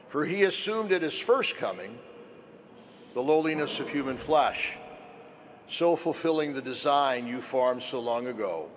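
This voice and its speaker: Solemn male priest with noise behind him. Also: mid-range voice. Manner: solemn, measured phrasing. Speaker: priest celebrating Mass. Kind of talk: homily and liturgical prayer. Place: church during Mass.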